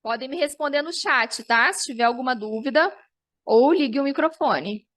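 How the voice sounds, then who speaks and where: A woman's voice: sits high, normal speed, a bit bright, no room sound. A woman teacher, giving an online review lesson and explaining step by step, often checking in with her students.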